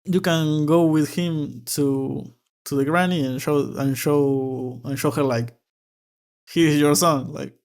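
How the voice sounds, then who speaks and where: A man's voice: a little high, fairly even intonation, slow pace, a little mellow. A man reading a manga aloud and commenting on it in a casual, hesitant way, often repeating words as he thinks.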